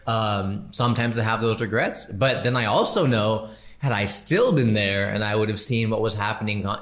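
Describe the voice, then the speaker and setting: Male comedian host, thirties, relaxed slangy monologue, slightly low register. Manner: chatty, slangy, addresses listener as bro. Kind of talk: casual podcast monologue answering a listener.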